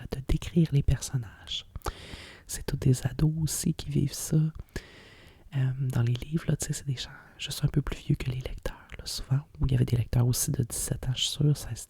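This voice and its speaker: A middle-aged woman with a Quebec French accent whispers softly and breathily in a nostalgic, rambling ASMR style, like a hushed library whisper. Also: rumbling low, creaky. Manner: hushed, nostalgic rambling with frequent conversational tags. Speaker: ASMR host. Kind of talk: whispered ASMR chat about vintage books.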